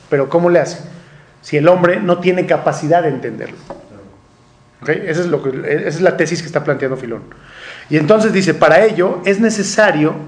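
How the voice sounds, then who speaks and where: Man lecturing a class in a roomy echo. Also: a little high. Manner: explanatory, checks in often with rhetorical questions. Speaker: teacher.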